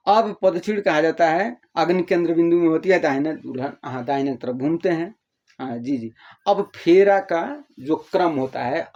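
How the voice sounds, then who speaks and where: An older man explaining in a casual, rambling way, repeating himself and acting out the listeners' replies in a softer voice. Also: fairly high pitch. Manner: addresses listeners as "babu". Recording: dull lo-fi audio.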